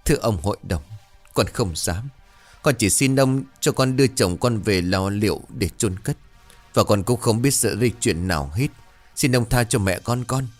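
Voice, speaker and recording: A man's voice: fairly low pitch, lively intonation, moderate pace, soft background music, lightly acted. A man voicing a poor, desperate young mother and grieving wife, tearful and trembling. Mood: begging.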